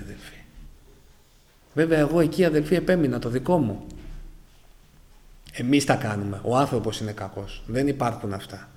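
In a testimony to his congregation, a church member from Greece recounts his conversion in fragmentary, emotional bursts, calling everyone brothers. His voice is mid-range and a little mellow, sinking as each phrase ends.

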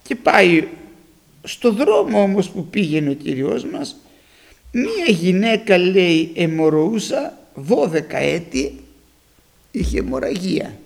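A man's voice: high-pitched, creaky. A male preacher addressing his congregation, retelling Bible stories and acting out the voices of the people in them. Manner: animated storytelling, acting out biblical voices. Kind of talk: sermon.

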